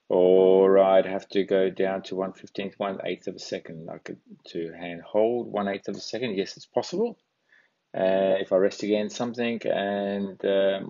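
A man hosting a photography channel, walking through his photo edits on screen in a relaxed, thinking-aloud way, with plenty of fillers. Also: sits low, vocal fry. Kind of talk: casual screen-share walkthrough. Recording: dull lo-fi recording.

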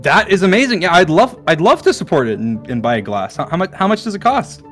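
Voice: mid-range voice, very animated, fast, fairly bright tone, soft background music. A performer playing a neighborhood customer who stammers and reacts with disbelief at a price. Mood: friendly. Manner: stammering, incredulous outbursts. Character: friendly neighbor who turns indignant customer.

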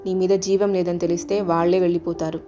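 A woman's voice: lowish voice, flat delivery, quick pace, mellow, muffled recording, close to an everyday voice. A woman voicing the Sun as a stern, commanding male king of the planets in a storybook tale.

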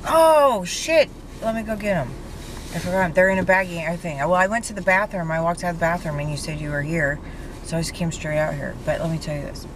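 A young woman chatting casually in a parked car, animated and swearing freely, picked up by a dashboard camera. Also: on the low side, fast. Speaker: friend. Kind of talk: casual chat. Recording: noisy car interior.

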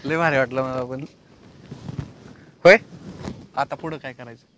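A man's voice: medium pitch, fairly even intonation, unhurried, fairly bright tone, a little hiss or hum, lightly acted. A man playing a husband who courts another woman and gets caught by his wife. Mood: sweet-talking. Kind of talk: comedy sketch acting.

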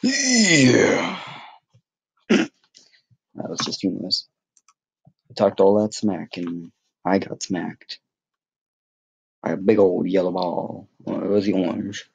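A man's voice: low-pitched, level tone, slow pace, creaky, long pauses, darkish tone, breathy edge. A young man giving casual, joking gameplay commentary, rambling with many fillers and mocking himself. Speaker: gaming YouTuber.

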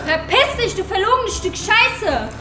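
A woman's voice: extremely high pitch, big pitch swings, a little slow, exaggerated voice. A woman acting as an angry young girlfriend in a comedy sketch, cursing and accusing. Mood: furious. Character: furious young girlfriend, sharp-tongued. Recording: echoey room with loud music.

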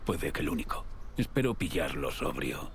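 A man's voice: rumbling low, sing-song, normal speed, vocal fry, heavily acted. A man voicing a grim male hacker protagonist in dubbed video game dialogue, speaking in terse, dry lines.

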